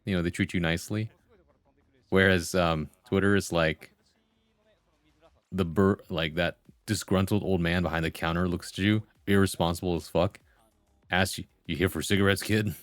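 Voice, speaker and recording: A man with a low voice hosts a livestream in a dry, close recording. He talks casually and slangily, moving between reading comments and answering them conversationally. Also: fairly even intonation, normal speed, long pauses, dry recording. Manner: slangy, conversational, full of "like" and "bro". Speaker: livestream host. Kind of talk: casual chat with viewers, reading comments aloud.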